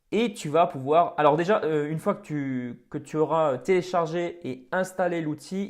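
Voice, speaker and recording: Man in tutorial voice-over, a bit high, loose and chatty with fillers. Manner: casual, many fillers and restarts. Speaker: tutorial host. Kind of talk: screen-recorded software tutorial.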